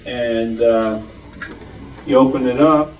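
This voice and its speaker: A club member shows off pieces from a collection in a casual show-and-tell, speaking slowly in a steady, slightly mellow mid-range voice. The mic sits far away, and the meeting room behind him is noisy with other members.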